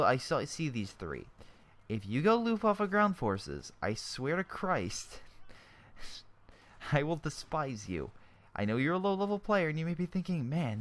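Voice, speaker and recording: A young man with a sore throat and a mid-range voice gives casual, chatty commentary on a strategy game replay. He often corrects himself mid-sentence and airs blunt opinions.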